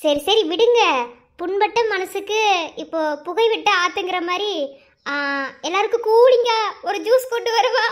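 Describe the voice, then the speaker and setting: Speaking with a Madurai Tamil accent in a very high voice, a woman dubs young village women for an animated family cartoon. They bicker and scold in quick slang.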